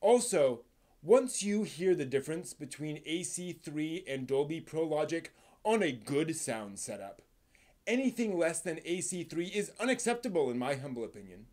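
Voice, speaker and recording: A man's voice, on the high side and slightly mellow, sounds very animated at a normal speed as he hosts a casual anime live stream. He wanders through topics and now and then performs read-aloud bits with theatrical flair.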